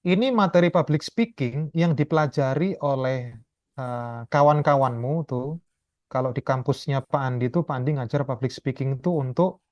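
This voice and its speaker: A man's voice: mid-range voice, a little mellow, no echo. Chatty male lecturer on a dull call line. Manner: chatty, explanatory, keeps adding tag questions. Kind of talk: online class talk.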